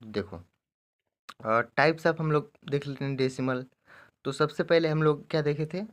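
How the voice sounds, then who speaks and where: A man teaching a maths lesson, explaining each step slowly and often checking in with his students. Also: fairly high pitch. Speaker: math teacher.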